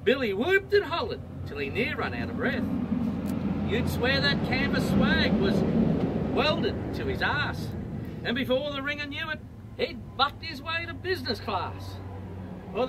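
An Australian man rolls through a comic bush poem, his fairly high voice bouncing across a wide pitch range. He is outdoors, and steady traffic noise sits behind him. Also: recorded from a distance. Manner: rollicking rhyming delivery. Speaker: bush poet.

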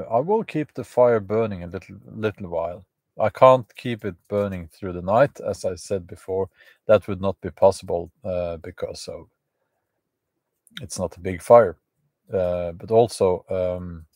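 Slow, halting man live from the woods. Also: sits low, a little mellow, no echo. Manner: halting, many fillers and restarts. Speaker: channel host. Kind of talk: live stream chat to viewers. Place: outdoors in the woods at a campfire.

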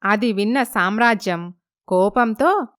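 Smooth-voiced woman narrating a story. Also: mid-range voice, no room sound, clean studio sound. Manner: even, measured storytelling.

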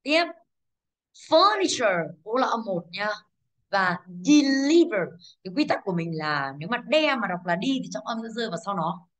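A woman's voice: medium pitch, big pitch swings, normal speed, fairly bright tone. A woman teacher with a Vietnamese accent going over exam answers, explaining patiently, checking in with rhetorical questions and correcting herself. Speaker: English teacher. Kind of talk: exam review lesson.

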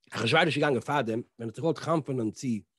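A man teaching a Torah class as a rabbi, telling the story in an animated way, acting out the dialogue and mixing in English words. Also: mid-range voice, a little hiss or hum. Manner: animated, acts out the dialogue in different voices.

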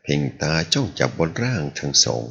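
A man reading a translated martial-arts novel aloud as the serial's narrator, telling it in an animated way. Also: a little fast. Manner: animated storytelling. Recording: dull lo-fi audio.

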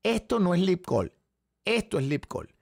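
A man with a Venezuelan Spanish accent, hoarse, teaching a live trading lesson and firing rhetorical questions at his viewers. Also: sits high, unhurried, no room sound, clean studio sound. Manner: animated, talks straight to the chat audience with frequent rhetorical questions. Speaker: trading instructor.

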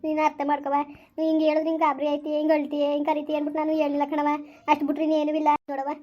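A woman's voice: high-pitched, completely flat delivery, rapid-fire, warm tone, close to an everyday voice. Soothing loyal young wife, played by a woman. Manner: soothing, pleading. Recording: dull lo-fi recording.

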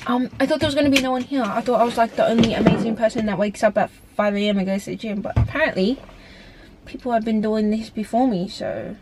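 A woman's voice: fairly high pitch, fast, noisy background. A woman, chatting casually into a handheld camera in a rambling vlog style. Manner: chatty, rambling, filler-heavy. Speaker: vlogger. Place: car, gym and home. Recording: music playing behind.

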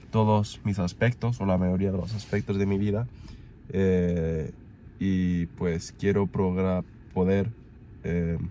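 Stuffy-nosed young guy vlogging, kinda low voice, rambles with lots of ums, faint hiss behind. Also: mellow. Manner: rambling, many fillers and restarts. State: congested from a cold. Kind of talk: casual vlog talk.

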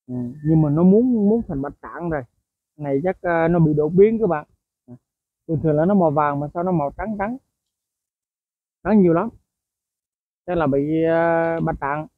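Here the bird-keeping host, fairly high-pitched and at a normal pace, keeps up a chatty explanatory vlog about songbirds, talking straight to viewers with plenty of fillers and asides. Audio is dry and tinny like a phone, without echo.

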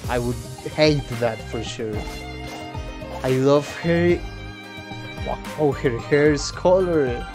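A man with a mid-range voice, speaking extremely slowly with frequent pauses, reacts to game trailers as a musician. His commentary is casual, exclamatory, and full of slang, recorded in a home room with instruments while game music plays behind him.

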